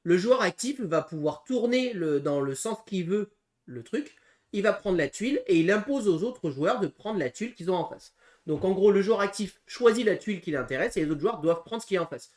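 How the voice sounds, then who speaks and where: A man's voice: high-pitched, animated, darkish tone. Hesitant man explaining board games. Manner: hesitant, full of pauses and restarts while explaining rules. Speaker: board game channel co-host. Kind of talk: casual board game preview chat.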